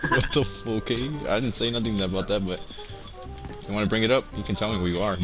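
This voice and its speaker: A man's voice: on the low side, quick pace. A young man hosting a gaming video, bantering and joking in a hyped, playful way over voice chat. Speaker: gaming channel host. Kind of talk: casual gameplay banter. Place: online game voice chat. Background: game music.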